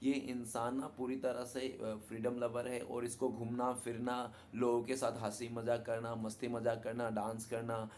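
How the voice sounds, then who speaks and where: A man's voice: mid-range voice, completely flat delivery, normal speed, hardly any pauses, a little mellow, a little hiss or hum. A man giving a casual tarot card reading to his viewers in a chatty way, often adding a tag question to check they follow. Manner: chatty, repeats "ठीक है ना" as a tag. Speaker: tarot reader.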